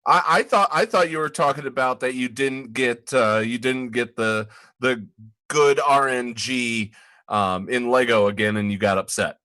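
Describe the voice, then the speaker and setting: A man's voice: mid-range voice, unhurried, bright, forceful tone, dry recording. A man co-hosting a gaming podcast in casual, conversational chat. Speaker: podcast co-host.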